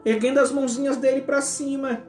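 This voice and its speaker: A man preaching an emotional testimony as an apostle, his voice often sinking to a hush. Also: extremely high pitch, little pitch movement, fairly quick. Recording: echoey church hall with music.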